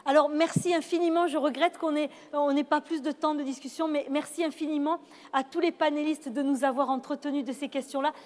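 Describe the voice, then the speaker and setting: Woman moderator, high voice, measured and reflective delivery. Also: fairly even intonation, darkish tone. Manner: measured, reflective, with hesitant restarts. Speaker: panel moderator. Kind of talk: moderating a panel discussion. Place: event hall. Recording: long reverb of a hall.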